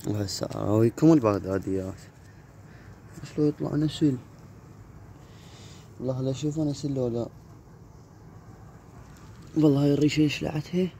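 A man's voice: medium pitch, normal speed, gravelly, long pauses, mellow. A man with an Iraqi Arabic accent chatting casually as he hosts a handheld vlog outdoors. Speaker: pigeon keeper and channel host. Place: open rooftop yard with low brick walls, outdoors. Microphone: phone held in hand, filming. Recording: outdoor phone audio with faint background noise.

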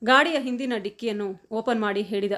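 A woman reading a family story aloud as scripted narration, in a steady, even voice. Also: fairly high pitch, normal speed.

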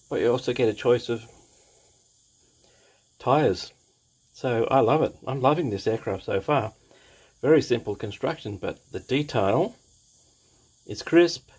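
A man's voice: medium pitch, unhurried, pauses often, a little mellow, breathy edge, rough recording. A man casually reviewing a plastic model kit as he shows the parts, enthusiastic and repeating his praise, with fillers.

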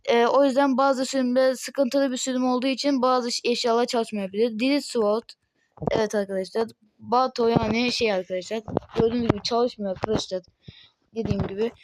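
Talking briskly in a fairly high, steady voice, a young woman from Turkey hosts a casual game mod walkthrough on her gaming channel, rambling with lots of fillers and constant "arkadaşlar." Her voice tone is altered and may sound odd, and a faint hiss runs under the home recording.

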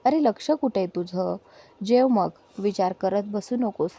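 A woman voicing a caring middle-aged father who asks questions gently, with a mellow tone. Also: mid-range voice, measured pace. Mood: concerned.

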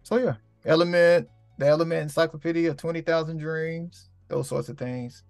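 Profane, gravelly spiritual podcast host. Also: male voice, a little high, fairly even intonation, normal speed, darkish tone, no room sound, faint music behind. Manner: profane, street slang, rambling. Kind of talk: casual spiritual talk.

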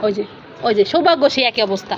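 A woman's voice: on the high side, lively intonation, quick pace, dull audio. A woman filming a casual family vlog, chatting with children and playfully scolding them outdoors by a street. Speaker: vlogger filming her children. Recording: noisy street with crowd.

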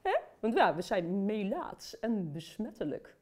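A woman's voice: medium pitch, big pitch swings, unhurried, darkish tone. A woman playing a cheerful, chatty aunt who tells a Bible story to children and talks to them directly.

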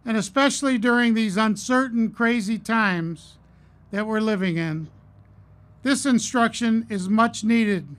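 A middle-aged man giving a commencement address at a podium, earnest and measured, telling stories with pauses. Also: high voice, a bit bright. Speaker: commencement speaker. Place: outdoor stage at a podium. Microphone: podium mic on a stand.

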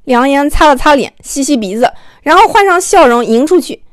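Narrating an audiobook story, a woman speaks in a very high voice, fairly quickly, with expressive, conversational delivery. She's miked close in a dry space with no echo.

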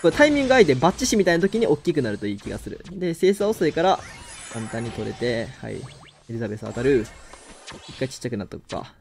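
A man with a Kansai accent giving excitable live commentary on his own game, exclaiming and laughing often. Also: medium pitch, fast talker, creaky. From Kansai, Japan. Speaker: game streamer.

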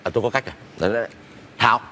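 A man's voice: on the low side, very fast, big-room sound, crowd noise, close to an everyday voice. An actor playing a stern father who scolds and accuses his servant in a stage comedy sketch. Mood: scheming. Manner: blustering, scolding. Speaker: father, master of the house.

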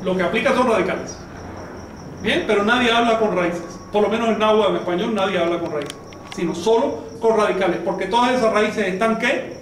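A man with a high-pitched voice teaches a language class at a fairly quick clip, explaining step by step and quizzing his students. It's a classroom lesson, picked up from far off in an echoey room with faint noise.

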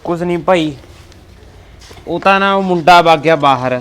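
A man playing an older father who gives slow, fatherly advice, with a rural Punjabi accent. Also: a little high, a bit bright, lightly acted. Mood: weary. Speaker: father of a grown son. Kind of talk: family web drama acting.

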